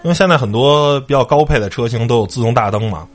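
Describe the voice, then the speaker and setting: A man hosting a casual car podcast, relaxed and repeating words as he talks. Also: mid-range voice, quick pace, soft background music. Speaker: podcast host. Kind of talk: casual chat.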